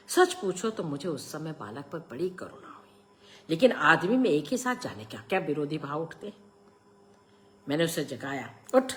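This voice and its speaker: A middle-aged woman reading a short story aloud, expressive and raising her voice for the quoted lines. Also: low-pitched.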